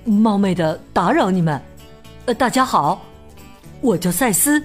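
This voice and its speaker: Shy noble blue tomcat voiced by a woman, polite, unhurried, storybook character. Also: mid-range voice, lively intonation, soft background music.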